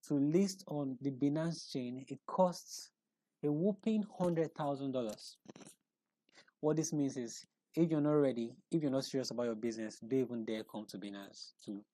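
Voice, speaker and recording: A man's voice: medium pitch, dark tone, no echo. A man presenting an online explainer, talking through a screen walkthrough off the cuff, with frequent restarts, repeated words and rhetorical questions to the viewer.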